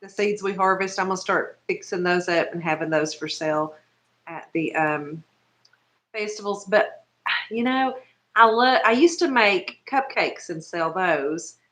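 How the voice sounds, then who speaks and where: Bright chatty woman. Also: on the low side, a little slow. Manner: chatty, searches for words, laughs often. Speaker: guest, small business owner. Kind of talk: casual chat.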